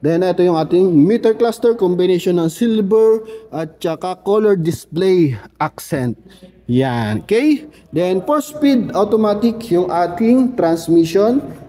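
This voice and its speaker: A man's voice: sits high, mellow. A man working as a car sales agent, giving a chatty walkaround of a car in a showroom and often tagging his lines with questioning asides. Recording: echoey showroom with long reverb.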